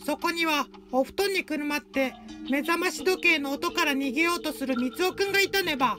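This woman's voice sits high and moves fairly quickly, sounding close to how she'd talk every day. In the role of a cheerful, cutesy mascot, she narrates short stories and tags each sentence with a cute tic. Light music plays under the upbeat clip.

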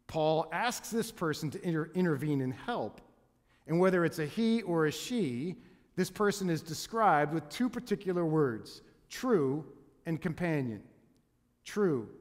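High-voiced man preaching in a reverberant church. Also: expressive, unhurried. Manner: earnest, with frequent restarts and repeated words. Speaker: pastor. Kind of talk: sermon. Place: church sanctuary. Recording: long reverb of a church hall.

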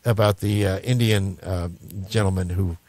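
A radio host from the United States talks in a lowish, chatty voice, circling around his questions. His voice sounds dry and close, with no room sound. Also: steady tone, moderate pace, darkish tone, no room sound. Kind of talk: casual radio interview.

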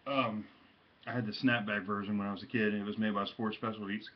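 A man casually showing off his hat and jersey pickups from his room at home, talking haltingly with lots of ums and uhs and slangy shout-outs, and he has the hiccups. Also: on the low side, level tone, muffled recording. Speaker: hat and jersey collector vlogger. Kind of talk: casual show-and-tell vlog.

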